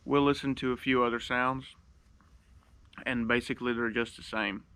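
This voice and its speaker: A man's voice: medium pitch, steady tone, moderate pace, bright, forceful tone, clear, resonant tone. A man giving a casual, plain-spoken how-to tutorial, showing each step and repeating the key points. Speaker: duck call instructor.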